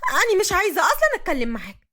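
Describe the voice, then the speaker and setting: A woman voicing a feisty, sharp-tongued young woman in her twenties who talks back quickly and cheekily. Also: very high voice, big pitch swings, pitched above the performer's own voice, full character voice. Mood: cheeky.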